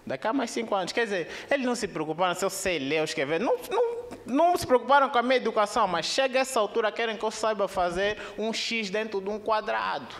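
A man's voice: fast, hardly any pauses, slight background noise. A young man with an Angolan Portuguese accent performing a stand-up comedy set on a theater stage, speaking into a handheld microphone. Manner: animated, jumps into high squeaky put-on voices. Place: theater stage with live audience.

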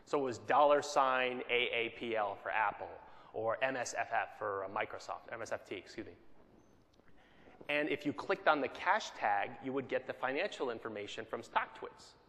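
In a conference hall thick with long reverb, a man delivers a keynote in a mid-range, animated voice with a sharp tone and moderate pace. He keeps things conversational, frequently checking in with listeners by asking "right?".

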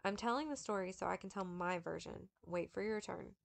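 A woman's voice: medium pitch, brisk, creaky, lightly acted. A woman reading a playful boy storyteller. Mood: coaxing.

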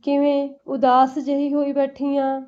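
A woman voicing a gentle, dutiful eldest son who reassures his mother. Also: sits high, completely flat delivery, measured pace. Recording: dull lo-fi recording.

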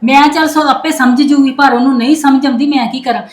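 A woman's voice: high-pitched, fairly even intonation, fast, roomy sound, lightly acted. A woman playing a complaining middle-aged mother who grumbles to her son about her daughter-in-law. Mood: grumbling. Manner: grumbling and self-pitying.

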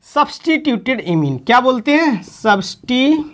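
A woman's voice: sits high, big pitch swings, normal speed. A woman chemistry teacher giving an online lesson, calling her students children and repeating each term for emphasis.

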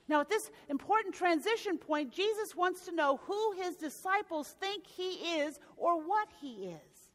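A woman pastor delivers a storytelling sermon in a high voice. Her words ring out through a church with a long reverberation tail. She sometimes stops and restarts a phrase. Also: animated, unhurried, hardly any pauses. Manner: storytelling preaching with occasional restarts. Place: church sanctuary.

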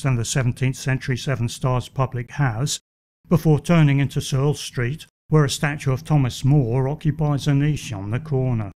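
A man giving scripted walking-tour narration, measured with a dry wit. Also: medium pitch, a little mellow.

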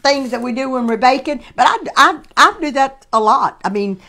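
A woman hosting a casual cooking demonstration in her home kitchen, chatty and halting with many restarts. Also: high-pitched, sharp tone. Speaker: cooking show host.

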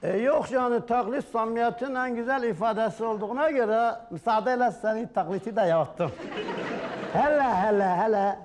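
A man's voice: very high voice, moderate pace, a little mellow, slight background noise. A man playing himself as a comedian in a sketch, whining and complaining, often laughing through his lines. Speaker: comedian guest.

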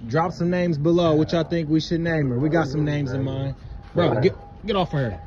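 Recorded on a handheld phone at home, both inside and in the yard, this noisy clip has crowd noise and cut-off highs. The vlog host, a man with a slightly high voice, keeps a steady tone at a moderate pace while chatting casually and cheering his family on playfully.

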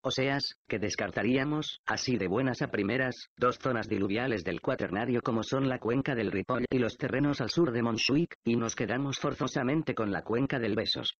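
A man's voice: mid-range voice, normal speed, few pauses, no room sound, lightly acted. Víctor, an eager detective read by a man. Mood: reasoning. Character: male detective, thoughtful and excitable investigator. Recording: dull, dry lo-fi audiobook recording.

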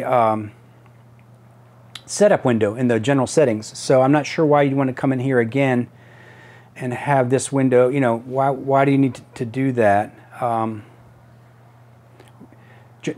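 A middle-aged man walks through a device in a casual tutorial. His voice sits at an average pitch. He speaks haltingly, thinking aloud as he demonstrates each step. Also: a little mellow. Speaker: tutorial presenter. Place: small home office room.

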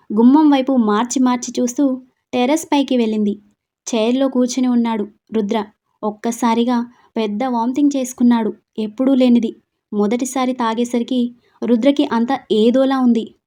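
A woman narrates a romance story in a steady, expressive storytelling manner. Her voice sits fairly high. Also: moderate pace.

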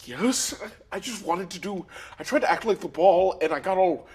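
A man voicing a brash, showy young rich-kid fighter in a tabletop role-play game, talking in a quick, rambling way. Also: high-pitched. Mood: sheepish. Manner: rambling, quick, animated, laughs through lines.

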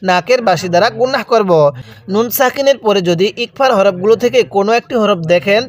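High-pitched Bangladeshi man teaching recitation. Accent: Bangladeshi Bengali. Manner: slow, drawn-out letter-by-letter recitation. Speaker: Quran reading teacher. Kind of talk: spoken tutorial.

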